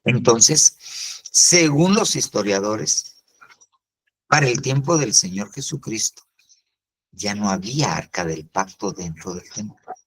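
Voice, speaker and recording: Older male Bible teacher, husky voice, unhurried live-stream class delivery. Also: lowish voice, animated, low-quality recording. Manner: explains slowly, pauses with "entonces" and "fíjese bien". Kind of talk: virtual discipleship class.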